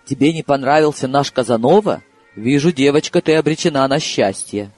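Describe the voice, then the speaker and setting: Man voicing a calm, wry older man. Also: mid-range voice, faint music behind, lightly acted. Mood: gently mocking. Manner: unhurried, dry and gently mocking. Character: calm, ironic older man, fond drinker. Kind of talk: audiobook character reading.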